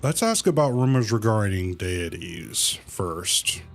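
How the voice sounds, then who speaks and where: This game streamer has a lowish voice and is very animated yet slow, with soft music in the background. He casually narrates his livestream, reading lines aloud in an easygoing, colloquial manner and muttering under his breath.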